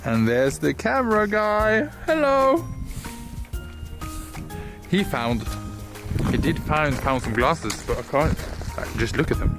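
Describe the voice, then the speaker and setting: Over background music, a young vlogger from Norway talks with a Norwegian accent in a fairly high, very animated voice, speaking slowly and pausing often. Playful and chatty, he laughs a lot as the casual vlog moves from a wooden cabin indoors to snowy mountains outside.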